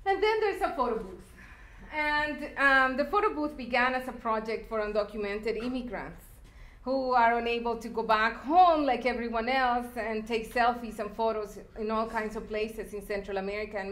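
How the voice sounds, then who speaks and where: A woman's voice: a little high, moderate pace, fairly bright tone. A woman from El Salvador giving a public talk about her art installations, speaking reflectively with fillers and restarts. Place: lecture hall. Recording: echoey lecture hall.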